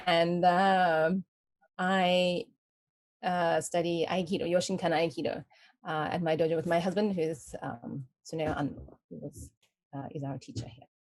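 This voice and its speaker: South African woman, friendly and lowish. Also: fairly even intonation, measured pace, darkish tone. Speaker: guest, aikido practitioner. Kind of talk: casual interview chat.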